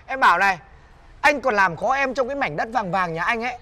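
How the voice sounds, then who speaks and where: A man's voice: high-pitched, animated, fast talker, sharp tone, a little hiss or hum. A man playing a cheeky young shop worker, teasing and laughing. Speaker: shop employee. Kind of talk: comedy sketch acting.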